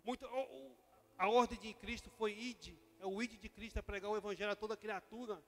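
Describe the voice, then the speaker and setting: A Brazilian man preaching a sermon as vice-pastor, telling a personal story, swinging from loud outbursts to quiet asides. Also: sits high, steady tone, fairly quick, in a large hall. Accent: Brazilian Portuguese.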